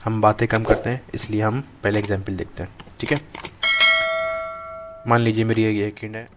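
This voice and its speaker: A young man teaching a coding class, thinking aloud as he types, with frequent pauses and restarts. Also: lowish voice, level tone, very noisy. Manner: thinks aloud while typing, halting with many restarts. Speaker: programming tutor. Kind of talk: screen-recorded coding lesson.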